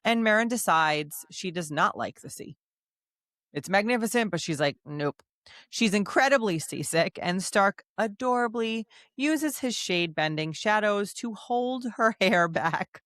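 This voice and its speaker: A woman co-hosting a podcast, chatting casually about a book and reading passages aloud with lively reactions. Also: medium pitch, unhurried, dry recording, clean studio sound. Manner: animated, gasps and laughs, reads quotes aloud. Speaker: podcast co-host. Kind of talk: casual book club chat.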